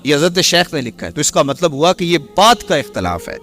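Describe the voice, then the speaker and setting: A man's voice: sing-song, a bit bright, faint music behind. Impassioned male Urdu preacher. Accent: Pakistani Urdu. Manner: impassioned, rising to high emphatic peaks. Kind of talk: religious sermon.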